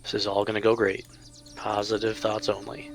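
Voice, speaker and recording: A man's voice: fairly low pitch, monotone, normal speed, vocal fry, slight background noise. A man playing a tabletop game, tossing in easygoing, joking remarks. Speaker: player. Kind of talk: casual game talk.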